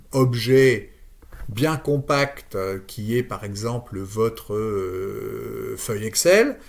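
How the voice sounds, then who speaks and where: A man walks through a software screen-share, explaining as he goes. He pauses often, restarts his phrases and fills the gaps with hesitant sounds. His voice sits at a middle pitch. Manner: thinks aloud with many fillers and restarts. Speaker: automation tutorial presenter.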